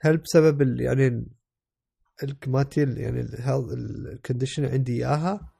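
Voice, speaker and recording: Iraqi male co-host, sick and stuffed-up, mellow creaky voice, halting casual chat. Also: mid-range voice, fairly even intonation. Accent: Iraqi Arabic. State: sick with a cold, congested, voice affected. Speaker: podcast co-host.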